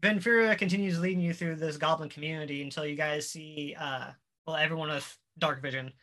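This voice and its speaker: A game master narrates a tabletop game in a bright, forceful voice. The delivery is casual and halting, with pauses to find the right word. The pitch sits in a middle range. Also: fairly even intonation.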